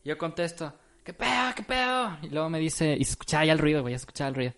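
A man's voice: fairly high pitch, racing, faint music behind. A man telling a story to friends in casual, slangy talk, acting out the other people's voices. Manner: animated, slangy, acts out the voices in his story. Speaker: podcast co-host.

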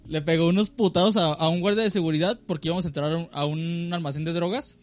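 A Mexican man with a fairly high voice chats crudely on a podcast, telling a story in loose, casual speech. He laughs often between lines. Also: steady tone, quick pace. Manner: laughs often, bursts into loud yells. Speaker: podcast co-host. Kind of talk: casual crude banter and anecdote.

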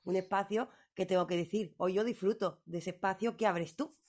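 Fast-talking woman host. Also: mid-range voice, darkish tone. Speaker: radio host, interviewer. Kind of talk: radio interview.

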